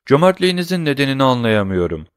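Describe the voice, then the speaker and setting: A man voicing a humble, eager male prison doorkeeper in a storybook reading, speaking in a deferential, excited way. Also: mid-range voice, moderate pace, dry recording, clean studio sound, natural voice.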